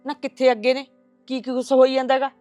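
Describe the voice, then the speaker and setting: An actress playing a stubborn mother-in-law who wants a grandson, with a loud scolding Punjabi way of talking. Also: high voice, flat delivery, fast talker, dry recording, soft background music, natural voice. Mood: coaxing. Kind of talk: village family drama acting.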